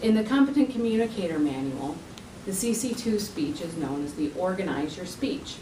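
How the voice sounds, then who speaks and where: Low-voiced woman introducing a speaker, echoey room. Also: expressive, normal speed, dark tone. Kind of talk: prepared podium introduction. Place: meeting room at a podium. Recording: echoey room, distant mic, clear background noise.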